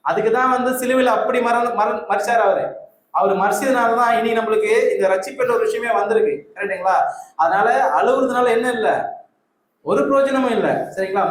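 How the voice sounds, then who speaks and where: A man's voice: very high-pitched, a bit bright, slight background noise. A man preaching a conversational sermon in a church, quizzing the congregation with questions and waiting for their answers. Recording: echoey hall with faint ambience.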